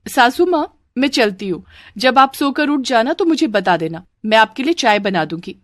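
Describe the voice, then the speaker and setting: A woman voicing a cheeky young newlywed daughter-in-law in a cartoon story, teasing and quick with back talk. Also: on the high side, animated, no room sound, pitched above the performer's own voice, close to an everyday voice.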